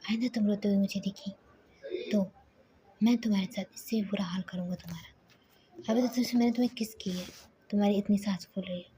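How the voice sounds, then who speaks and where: A woman's voice: mid-range voice, fairly even intonation, fairly quick, pauses often, a crowd in the background, natural voice. A woman voicing a domineering young husband. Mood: taunting whisper. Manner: threatening, commanding.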